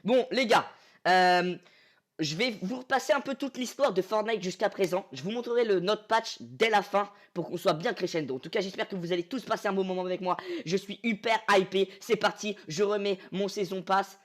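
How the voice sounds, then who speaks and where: A man's voice: high voice, moderate pace. A young man hosting a casual gaming live stream, telling the story in a hyped, theatrical way to his chat.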